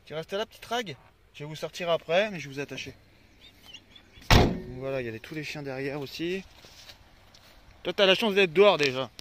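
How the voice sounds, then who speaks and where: Guy vlogging outside with his dogs, kinda high voice, swears a lot, noisy outdoor recording. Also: fairly quick, pauses often. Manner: excitable, swears often, talks to his dogs. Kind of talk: casual vlog talk to viewers. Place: outdoors by a road, then at a van with dogs.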